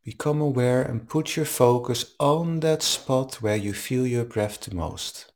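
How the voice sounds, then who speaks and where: Male meditation teacher, calm and soothing, very unhurried delivery, leaves space between short instructions. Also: mid-range voice. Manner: slow, calm, soothing, with long pauses. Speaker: meditation teacher leading a live online session.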